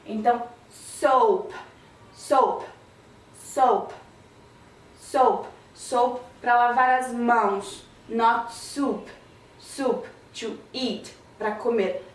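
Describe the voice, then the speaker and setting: A woman teaching English vowel sounds, repeating each word slowly to drill the pronunciation. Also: fairly high pitch, steady tone. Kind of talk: slow classroom-style vowel lesson. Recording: roomy echo, voice a bit far from the mic.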